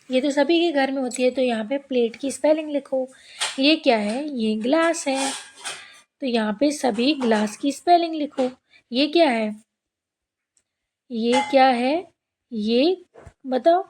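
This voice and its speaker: A woman teaching young children, asking questions and answering them herself in a slow call-and-response style. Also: high voice, a little mellow, a little hiss or hum. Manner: asks a question and answers it herself, repeating words slowly. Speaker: primary school teacher.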